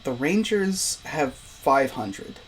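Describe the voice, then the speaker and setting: A man's voice: medium pitch, big pitch swings, slow, husky. A man running a tabletop role-playing game as game master, describing scenes in a casual, chatty way. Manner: casual, chatty, lots of fillers.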